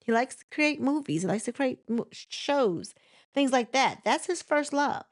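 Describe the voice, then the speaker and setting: A woman's voice: high-pitched, expressive, moderate pace, no room sound, studio quality. A woman chatting casually about celebrity gossip, rambling with lots of fillers and restarts. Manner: chatty and conversational. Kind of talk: casual commentary.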